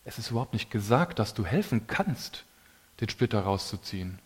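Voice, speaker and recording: A man preaching a sermon to a congregation in a casual, colloquial way, with lively emphasis. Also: lowish voice, normal speed, breathy edge.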